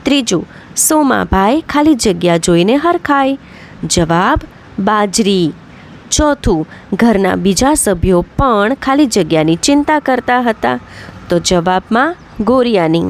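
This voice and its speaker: A woman's voice: mid-range voice, lively intonation, measured pace. A woman teacher, reading out workbook questions and then giving each answer. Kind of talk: slow explanatory workbook lesson.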